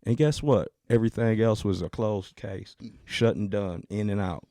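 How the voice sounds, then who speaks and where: A man co-hosting a comedy podcast, telling a story in a loose, animated way and acting out other people's lines. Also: lowish voice, normal speed, no room sound. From United States. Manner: animated storyteller, acts out voices of callers. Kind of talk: casual storytelling chat.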